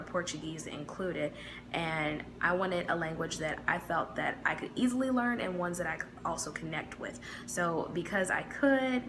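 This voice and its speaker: A vlogger from the United States with a Midwestern accent chats to the camera in a relaxed, casual way, using lots of fillers. Her voice is lowish, and there's some noise in the background.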